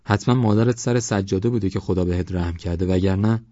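A man's voice: low-pitched, dark tone, no echo, lo-fi sound, lightly acted. A man voicing a blunt old shepherd who scolds a careless young man in a raised voice. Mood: scolding.

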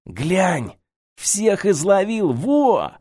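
A gleeful, dim young man chatters with excitement, his pitch jumping around lively, as a male reader puts him on. Close, dry audiobook sound. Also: slow, dry recording. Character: overexcited, dim young man boasting about bugs.

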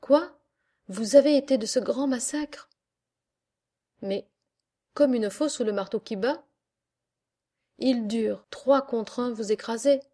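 An eager young country girl speaks up brightly, a touch higher than the telling around her, as a woman reads her. She stays slow and soft-edged, a storybook heroine. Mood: astonished. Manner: pleading, surprised.

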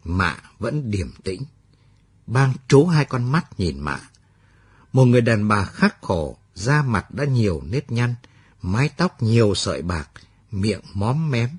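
A man narrating a late-night radio story. His husky voice moves through a lively pitch range, and the sound is dry and close. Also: slow pace, no echo.

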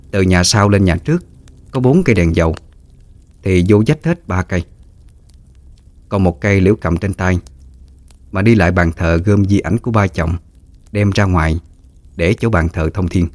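Brief: man, low voice, ghost-story narrator, dry sound, faint music. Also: darkish tone, no echo.

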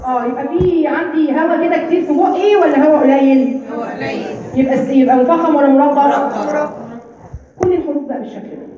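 A woman with an Egyptian accent teaching recitation, explaining patiently, demonstrating letter sounds and checking understanding. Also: sits high. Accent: Egyptian Arabic. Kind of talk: informal lesson explanation. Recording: echoey, distant, dull room recording.

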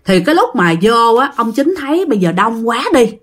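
Lively Southern Vietnamese woman telling a ghost story. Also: fairly high pitch, fairly quick. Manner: chatty, addresses listeners directly, acts out quoted speech. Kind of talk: casual spoken ghost story narration.

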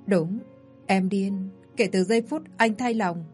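A woman's voice: medium pitch, measured pace, a little mellow, lightly acted. A desperate young bride pleads and begs in a tearful storybook voice. A woman narrator acts her out over faint background music. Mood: defiant.

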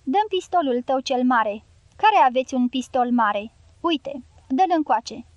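A woman reading the part of a calm, sly older male guerrilla leader who gives quiet orders in an audiobook. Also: sits high, no room sound. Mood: commanding.

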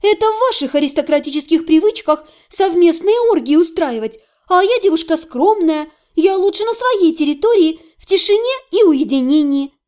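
A woman voicing a sharp-tongued young female mage heroine in an audiobook, with a high, biting, sarcastic delivery. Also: expressive, normal speed, hardly any pauses.

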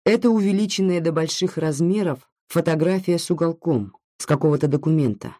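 A narrator reading a literary story in a steady, even manner. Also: mid-range voice, brisk, no room sound, clean studio sound.

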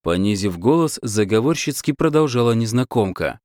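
A man narrating a story in an expressive, wry way. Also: medium pitch, normal speed, no echo, clean studio sound. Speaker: audiobook narrator.

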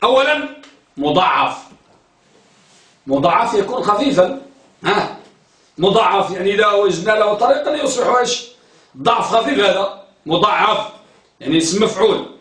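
Male lecturer, high voice, heard from a distance in a roomy classroom, quizzes and repeats terms. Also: animated, normal speed, long pauses, fairly bright tone. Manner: questioning, repeats key terms, tells students to focus. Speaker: teacher of hadith terminology. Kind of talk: classroom lecture with questions to students.

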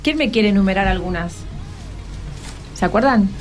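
She's a radio host from the Rioplatense Argentine region, casually interviewing schoolchildren and prompting them warmly with plenty of questions. Her mid-range voice is animated and moderately paced, with soft music in the background.

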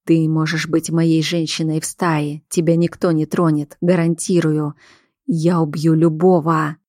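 A cold, domineering male werewolf who leads a pack, voiced by a woman reading an audiobook, speaks in slow, clipped commands. His voice sits low and unhurried. The sound is close and dry, with no room around it. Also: little pitch movement, a little mellow, dry recording. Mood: menacing. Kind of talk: audiobook character voice.

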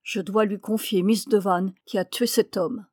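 A stern, sharp-eyed male professor who speaks in measured, authoritative sentences, read by a woman narrator. The sound is dry and close, without room echo. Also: medium pitch, steady tone, close to an everyday voice. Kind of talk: audiobook reading.

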